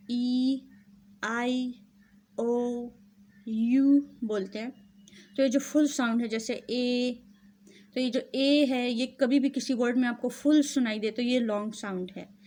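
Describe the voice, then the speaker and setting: A woman teacher with a Pakistani accent, giving a recorded lesson to young pupils and explaining things slowly and patiently. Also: on the high side, darkish tone. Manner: slow, patient explaining, mixing English and Urdu. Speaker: school teacher. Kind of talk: recorded classroom lecture.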